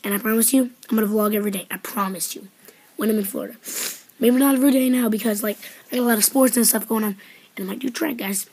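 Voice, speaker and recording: High-voiced rambling female vlogger. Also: rapid-fire, dark tone, slightly rough, no echo. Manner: rambling, many fillers, upbeat. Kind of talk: casual vlog chat.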